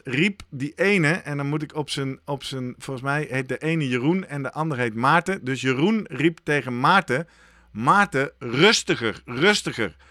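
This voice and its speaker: A man with a bright, slightly high voice recounts a story in casual chat. He acts out his own thoughts with lively energy. The sound is dry and close. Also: no room sound.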